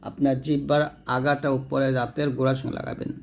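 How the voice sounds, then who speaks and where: A man's voice: medium pitch, little pitch movement, fast, creaky, a little mellow. A man teaching Quran letter pronunciation step by step, sounding out each letter and answering his own questions.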